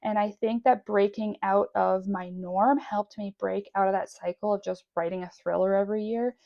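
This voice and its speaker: A woman's voice: medium pitch, fairly even intonation, moderate pace, vocal fry, muffled recording. A young adult woman chatting casually and enthusiastically in a solo vlog as a writer. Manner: enthusiastic, gushing. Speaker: writer vlogging about their work.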